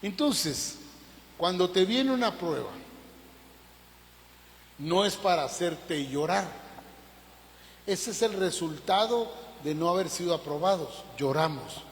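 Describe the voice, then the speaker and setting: A male pastor delivers a sermon in a high, ringing voice. He preaches emphatically, throws out rhetorical questions and surges up in pitch. The sound carries a long reverb, as from a big church hall. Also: expressive, slow, pauses often.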